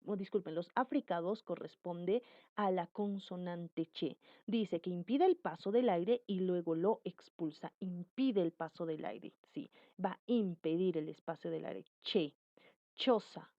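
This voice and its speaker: A woman teaching a lesson on consonant sounds, who repeats example words slowly and speaks straight to the viewer. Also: mid-range voice, no echo, lo-fi sound. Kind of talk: phonetics lesson.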